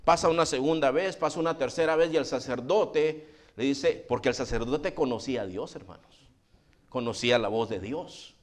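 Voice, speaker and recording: A man's voice: mid-range voice, normal speed. A man preaching a fervent sermon as a pastor, constantly addressing his listeners as brothers.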